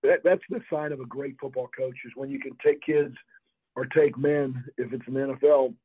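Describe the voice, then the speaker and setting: A man's voice: medium pitch, steady tone, a little fast, breathy edge, dry recording. An older man from Florida, a former college football player, telling rambling anecdotes in an interview and laughing often. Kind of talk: interview storytelling. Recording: tinny phone-line sound, dry.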